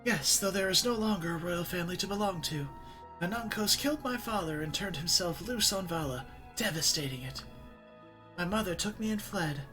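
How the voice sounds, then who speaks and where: A man's voice: high voice, normal speed, over music, voice pushed up, natural voice. A man voicing a solemn young princess in amateur game voice acting, speaking earnestly in a raised voice.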